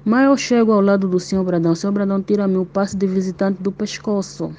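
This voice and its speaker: A woman recounts events in a steady, detailed voice message. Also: medium pitch, fast talker. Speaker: prisoner's wife giving testimony. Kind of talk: recorded voice-message account. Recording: dull lo-fi voice note, faint noise.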